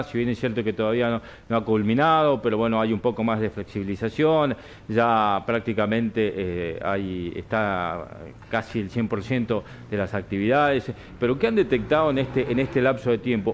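Argentine TV anchor asking hesitant questions. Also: male voice, medium pitch. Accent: Argentine, San Juan. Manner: hesitant, many fillers when asking questions. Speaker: news anchor. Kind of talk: studio news interview. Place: TV news studio.

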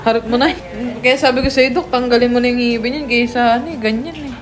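A woman's voice: fairly high pitch, steady tone, fast. A woman of twenty-one chatting casually to her vlog audience in a playful, teasing way, recorded on a phone held at arm's length indoors. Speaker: vlogger. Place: small tiled restroom, dental clinic and mall indoors. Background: background music.

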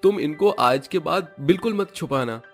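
A man voicing a young caring husband in an animated story, speaking in a raised, pleading tone. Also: on the high side, normal speed, faint music behind, voice pushed up. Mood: gentle. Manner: gentle, pleading, later angry.

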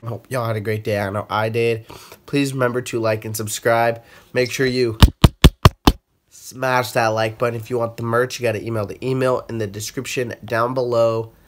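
A young man in bed giving an upbeat, energetic vlog sign-off into a phone held at arm's length. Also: medium pitch, normal speed, slight background noise. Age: young adult. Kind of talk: vlog outro. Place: in bed, indoors.

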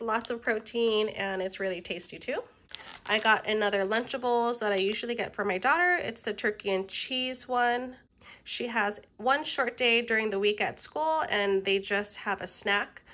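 Bright-voiced woman chatting through a grocery haul. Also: mid-range voice. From Filipino family. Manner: relaxed, friendly, frequent "um" fillers. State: slightly under the weather. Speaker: vlogger showing a grocery haul. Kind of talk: casual chatty haul commentary. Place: home kitchen table.

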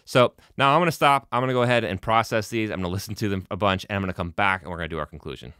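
Speaking rapid-fire in a lowish, sharp yet smooth voice, a man in his thirties with a nasal quality tests microphones for a video. He chats casually about gear to camera from his small home studio, using lots of fillers, with studio mics placed close in front.

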